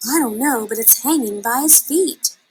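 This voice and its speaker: A woman voicing a curious, excitable baby bird in a children's storybook, chirpy and urgent. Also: on the high side, moderate pace, a little hiss or hum, voice pushed up, natural voice, rough recording. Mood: puzzled. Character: excitable, curious little baby birds in a nest.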